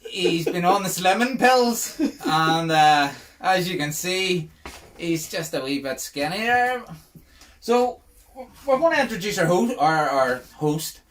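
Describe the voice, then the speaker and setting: A man's voice: high-pitched, lively intonation, slow, fairly bright tone. A middle-aged man with a Northern Irish accent hosting a podcast in casual, jokey chat full of laughter. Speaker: podcast host.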